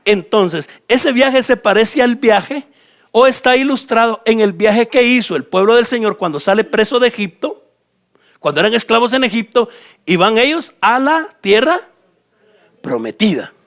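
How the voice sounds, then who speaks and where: A man's voice: very high-pitched, moderate pace. A man from Guatemala with a Guatemalan accent, preaching a sermon as pastor and talking straight to his listeners while pointing at a map. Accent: Guatemalan Spanish. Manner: animated, addresses listeners directly and points at a map.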